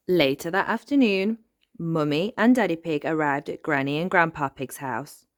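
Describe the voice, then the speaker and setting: A woman hosting a channel, reading a children's storybook aloud in a gentle, clear, expressive way. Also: low voice, normal speed.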